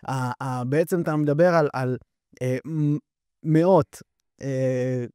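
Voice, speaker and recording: Halting young host asking questions. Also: male voice, medium pitch, steady tone, warm tone, smooth, no echo, clean studio sound. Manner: hesitant, halting, many fillers and restarts. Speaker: podcast host. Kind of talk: interview questions.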